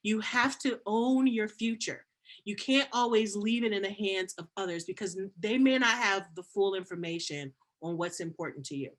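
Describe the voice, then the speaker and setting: A middle-aged woman, a university dean, telling stories in a casual interview, animated and acting out the voices she quotes. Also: mid-range voice, moderate pace. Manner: animated, acts out quoted voices, frequent restarts.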